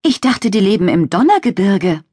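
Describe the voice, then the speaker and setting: A curious young witch girl, eager and easily amazed, as a woman reads her in a children's audiobook. Her questions rise with a lively lilt, recorded close and dry. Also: medium pitch, normal speed, slightly rough, no echo.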